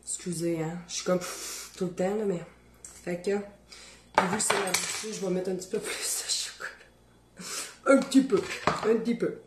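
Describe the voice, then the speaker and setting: A woman with a Beauce Quebec French accent hosts a casual cooking show from her home kitchen. Her lowish voice moves at a moderate pace, and the room is reverberant with background noise. Chatty and animated, she talks to viewers while tasting.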